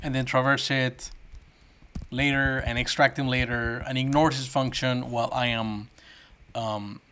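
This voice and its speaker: A man chatting casually to viewers on a live coding stream, excitable and quick to swear. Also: medium pitch, clear, resonant tone. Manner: excitable, swearing, shouts when thrilled. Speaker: livestreaming programmer.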